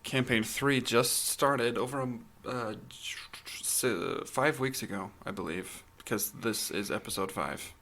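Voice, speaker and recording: A man's voice: mid-range voice, unhurried, hardly any pauses, sharp tone, a little hiss or hum. A man co-hosting a podcast in casual chat, with a wry, bantering manner. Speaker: podcast co-host.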